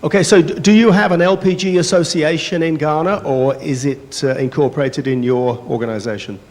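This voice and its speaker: A man moderating a conference panel, talking in a relaxed, conversational way with frequent pauses. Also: a little high. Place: large indoor conference hall. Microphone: handheld microphone. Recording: reverberant conference hall PA.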